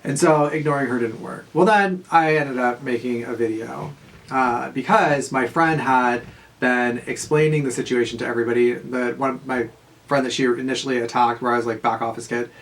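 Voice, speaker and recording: A man, telling a casual, profane story in a rambling monologue full of fillers and quick laughs. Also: medium pitch, fairly even intonation, a bit bright, slight background noise. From Southern California. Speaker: vlogger.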